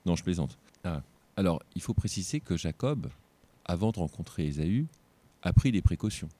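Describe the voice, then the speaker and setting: A man's voice: low voice, lively intonation, moderate pace, dark tone. A tired man teaching an informal Bible lesson, reading scripture aloud and breaking off for joking asides.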